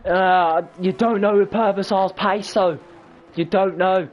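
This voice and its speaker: A young man giving excitable, breathless live play-by-play for a sim-racing stream, his voice prone to cracking. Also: high voice, measured pace, dull audio. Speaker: race commentator.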